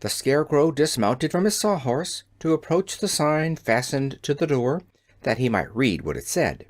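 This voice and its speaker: A narrator giving a measured, expressive storybook reading. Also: mid-range voice. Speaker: audiobook narrator.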